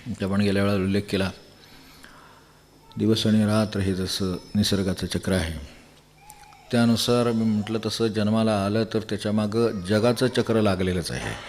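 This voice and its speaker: An older man from Maharashtra delivers a devotional discourse in a somewhat low voice. He talks in a loose, conversational way, wandering into everyday examples and chuckling softly as he explains. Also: fairly even intonation, normal speed, slight background noise. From Maharashtra, India. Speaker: spiritual discourse speaker.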